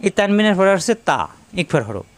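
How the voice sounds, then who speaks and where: A man giving a tajweed lesson, chanting verses slowly and then quickly explaining how each letter is pronounced. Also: high-pitched, big pitch swings, no room sound. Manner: alternates slow melodic recitation with quick explanations of pronunciation. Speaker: Quran recitation teacher.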